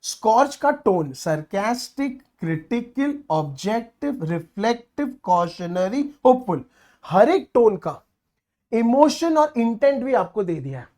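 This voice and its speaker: A man teaching online exam prep in an energetic, chatty lecture style, coaxing his students along. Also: high voice, takes it slowly. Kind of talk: online lecture mixing Hindi and English.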